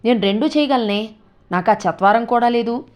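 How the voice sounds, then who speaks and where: A woman voicing a sharp-tongued, nagging old grandmother in a read-aloud story, scolding and grumbling. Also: on the high side, expressive, moderate pace, pitched above the performer's own voice, close to an everyday voice. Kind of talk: storytelling with character voices.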